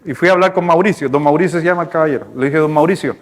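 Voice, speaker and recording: A male pastor with a Chilean accent, preaching a sermon in a lively, storytelling way, speaking to the congregation. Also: a little high, very fast. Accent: Chilean Spanish. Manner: storytelling, animated, conversational with congregation. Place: church hall. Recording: long hall reverb in church.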